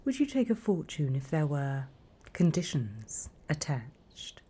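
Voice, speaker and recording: Speaking low and sing-song, a British woman gives a full character voice to a greedy, sly she-demon auctioneer in whispered ASMR roleplay. The breathy, soft voice questions coolly and deliberately, greedy and probing in mood.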